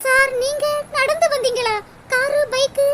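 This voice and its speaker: A woman's voice: very high voice, steady tone, measured pace. A woman voicing a young, lovesick village woman in a cartoon, speaking in a pleading, sorrowful way with a southern Tamil Tirunelveli accent. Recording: loud background noise.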